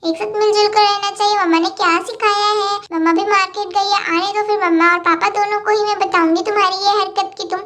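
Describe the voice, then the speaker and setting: Woman doing a big sister doll telling off the kids, high voice, quick lecturing. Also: steady tone, a bit bright. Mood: scolding. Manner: scolding, lecturing. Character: scolding older sister doll.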